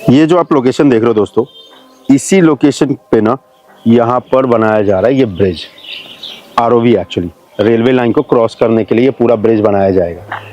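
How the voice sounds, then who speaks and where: A man talks viewers through a road trip and building site in a relaxed, chatty way, calling them brother and friends. His voice is mellow and on the darker side, at an ordinary pitch for a man. Faint music plays softly underneath. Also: moderate pace, lo-fi sound. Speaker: travel and real estate vlogger. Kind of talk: casual on-site video commentary. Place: driving on a new expressway, partly outdoors at a building site.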